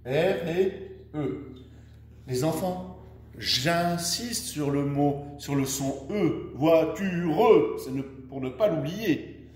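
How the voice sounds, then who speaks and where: A man teaching young children, dictating words slowly syllable by syllable and encouraging them, recorded far from the mic in an echoey room. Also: fairly high pitch. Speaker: primary school teacher. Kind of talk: slow dictation lesson for children.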